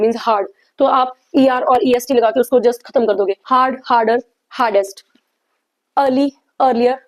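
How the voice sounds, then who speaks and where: A woman gives an English grammar lesson, stopping to read example sentences slowly and deliberately. Her voice sits a little high, with a mellow, warm color, and she speaks straight to her viewers. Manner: slow, deliberate when reading English examples aloud; addresses viewers directly, asks them to answer.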